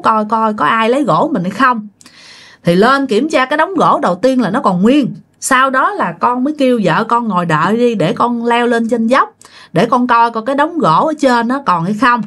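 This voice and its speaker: A woman telling a ghost story, animated, with frequent exclamations and asides to her listeners. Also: fairly high pitch.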